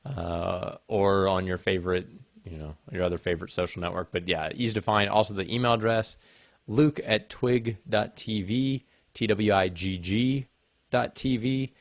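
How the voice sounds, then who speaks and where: A man's voice: lowish voice, fairly even intonation, moderate pace, creaky, no room sound. A man co-hosting a tech podcast, giving his contact details in easygoing, hesitant casual chat. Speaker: podcast co-host.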